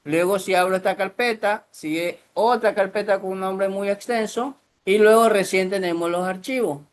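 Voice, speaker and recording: Male instructor, calm step-by-step explainer for a software tutorial. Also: high-pitched, moderate pace. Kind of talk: screen-recorded software tutorial.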